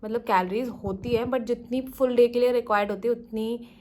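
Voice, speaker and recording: A young woman with an Indian accent, chatting quickly and casually as a vlogger. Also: fairly high pitch, fairly even intonation, darkish tone. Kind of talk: casual vlog chat in Hindi-English mix.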